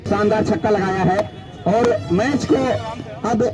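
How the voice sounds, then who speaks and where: A man delivers excited live cricket commentary. His voice is high, and he repeats phrases for emphasis. Loud music plays behind him throughout. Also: unhurried.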